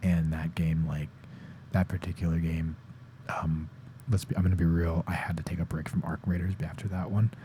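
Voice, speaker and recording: A young man rambling softly in a casual ASMR chat, sleepy and tired-voiced, often dropping into whispers. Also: sits low, little pitch movement, moderate pace, slight background noise. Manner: rambling, slips into whispers, self-deprecating. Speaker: ASMR creator. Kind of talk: soft-spoken ASMR ramble.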